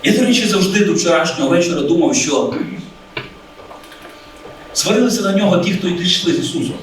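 A man's voice: high-pitched, animated, brisk, heavy reverb, far from the mic, slight background noise, rough recording. A man preaching a sermon in an earnest way, calling his listeners friends and acting out the voices he quotes.

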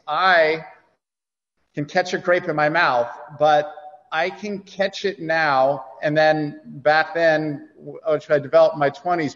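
Laid-back male guest, offhand delivery; echoey, muffled call sound. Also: on the high side. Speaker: global head of production. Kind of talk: casual video-call chat.

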